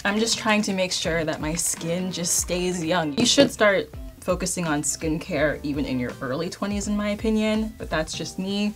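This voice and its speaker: A woman in her late twenties, a beauty vlogger chatting casually and upbeat to her viewers. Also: lowish voice. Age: 20s. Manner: chatty, upbeat, addresses viewers as you guys. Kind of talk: casual chat to camera. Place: indoor filming space.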